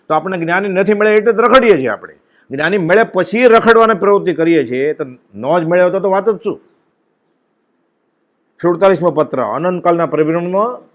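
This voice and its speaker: A man with a Gujarati accent delivers a devotional sermon with fervour. His voice sits a little high for a man, and he breaks into chanted verses and quoted scripture. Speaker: spiritual discourse speaker.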